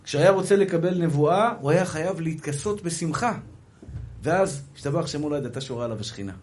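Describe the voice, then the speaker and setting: High-voiced rabbi giving a fervent sermon. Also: male voice, expressive, slight background noise. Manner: swings from soft murmurs to loud emphatic repetition; acts out dialogue in storytelling. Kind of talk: Breslov Torah sermon.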